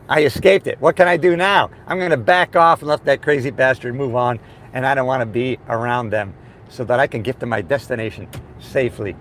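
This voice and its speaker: A man giving an upbeat, emphatic motivational chat to his audience while driving. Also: medium pitch. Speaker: motivational vlogger. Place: inside a moving car. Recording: steady car and road noise. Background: car and road noise.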